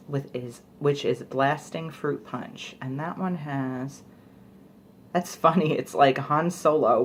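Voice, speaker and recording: With a low voice and a touch of background noise, a young woman reviews a product in a casual, rambling way. She's a beauty vlogger who leans on fillers such as "like" and "you know."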